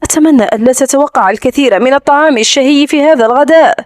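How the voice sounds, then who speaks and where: A woman's voice: high voice, very fast, no echo, studio quality, close to an everyday voice. A woman voicing a proud, anxious young bride-to-be who speaks in a defensive, pleading way, read as audiobook dialogue. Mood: guarded.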